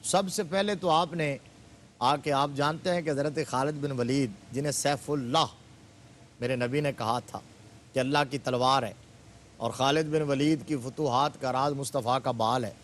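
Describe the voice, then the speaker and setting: A man's voice: medium pitch, steady tone, a little hiss or hum. A man, a religious scholar guest on a TV studio program, retelling history with fervor and rising emphatic stresses. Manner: fervent, building to emphatic exclamations. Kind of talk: religious TV discussion, storytelling.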